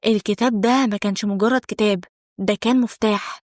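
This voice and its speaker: A woman voicing a calm, knowing young man with an Egyptian accent, speaking matter-of-factly. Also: mid-range voice, quick pace, no echo, studio quality, natural voice.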